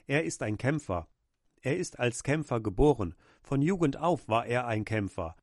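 A man's voice: medium pitch, expressive, normal speed, a little mellow, dry recording. Guy preaching a sermon all fired up, mid voice, dry close sound. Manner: fervent preaching, acts out quoted cries.

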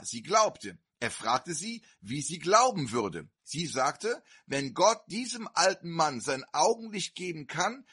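A man delivers a fervent sermon at a slow, deliberate pace. His voice is fairly high and bright, with a husky edge, and it swings widely in pitch as he builds emphasis. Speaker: preacher. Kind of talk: sermon with storytelling and prayer.

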